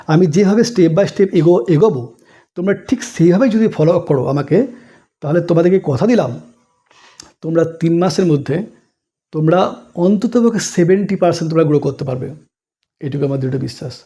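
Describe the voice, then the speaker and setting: A man teaching a basic grammar lesson, explaining slowly, asking questions and answering them himself, and recapping points in lists. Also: a little high, warm tone. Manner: recaps points in a repetitive list. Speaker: English teacher.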